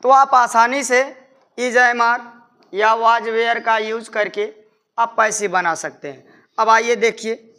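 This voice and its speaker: Speaking Hindi with English terms mixed in, a man with an Indian accent teaches English grammar, walking through each step slowly and repeating his instructions. His very high-pitched voice stays steady, sharp and clean.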